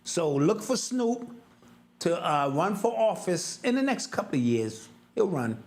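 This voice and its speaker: A middle-aged man co-hosting a casual podcast with his son, talking in an emphatic, animated way. His voice sits high for a man and swings widely in pitch, rising and dropping as he makes each point. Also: measured pace. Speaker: podcast co-host, father. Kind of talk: casual chat.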